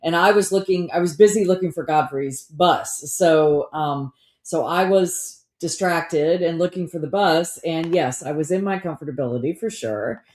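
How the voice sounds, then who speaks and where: A woman's voice: deep voice, moderate pace, darkish tone. A woman co-hosting a podcast in casual, storytelling conversation, recorded in a roomy-sounding space. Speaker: podcast co-host.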